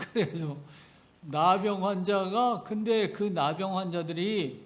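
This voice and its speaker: A male pastor preaching a sermon, emphatic and swinging between loud stresses and soft asides. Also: sits high, takes it slowly.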